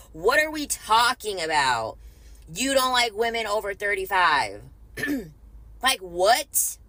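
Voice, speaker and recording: A woman in her thirties speaks in a casual rant video, sarcastic and mocking, swearing freely. Her voice is bright and forward, at a middle pitch for a woman. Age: 30s.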